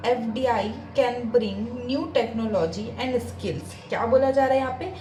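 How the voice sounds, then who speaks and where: A woman teaching commerce in a bilingual exam-prep lecture, reading English lines slowly and then explaining quickly, often stopping to check that her students follow. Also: on the high side, warm tone, faint music behind. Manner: repeats points with frequent check-ins.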